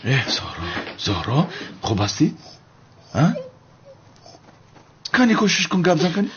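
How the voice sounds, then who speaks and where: A man's voice: on the high side, sing-song, a little hiss or hum. A man voicing a flustered helper in a dubbed TV drama, coaxing and fussing. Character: flustered man fussing over a fainted girl. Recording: dull dubbed TV audio with loud music.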